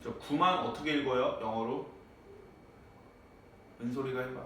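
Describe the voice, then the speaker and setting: A man teaching a high school English class in a classroom, checking on students with frequent tag questions. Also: fairly even intonation, normal speed, pushed and bright. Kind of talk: classroom lecture. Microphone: far from the mic. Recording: echoey classroom, distant mic, faint noise.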